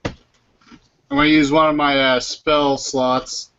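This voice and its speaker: A man playing a tabletop game, talking in a laid-back, halting way. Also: fairly high pitch, little pitch movement, fairly bright tone, smooth. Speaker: player. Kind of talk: casual tabletop game talk. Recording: dull, muffled recording.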